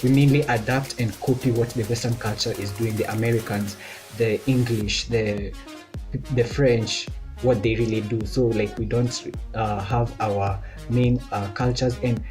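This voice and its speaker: A man's voice: lowish voice, steady tone, measured pace, over music. A young man from Kenya talking casually on his vlog, loose and chatty with lots of filler words. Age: young adult. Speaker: vlogger. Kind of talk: casual chat.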